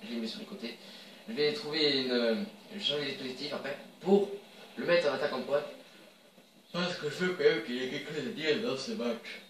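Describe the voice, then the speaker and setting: A man's voice: mid-range voice, brisk, reverberant, distant mic, a little hiss or hum, poor audio. Chatty man commenting his own gameplay. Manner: chatty, excitable, cheers on his players. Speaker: video game player.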